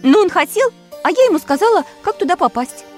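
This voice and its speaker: Brief: woman playing a high, flustered shape-shifter girl, loud and breathless. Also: big pitch swings, a little fast, soft background music. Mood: pleading.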